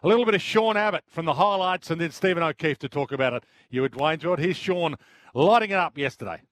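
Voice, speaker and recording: Fast-talking Australian male sports radio host. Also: fairly high pitch, a bit bright, no echo, clean studio sound. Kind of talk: conversational radio hosting.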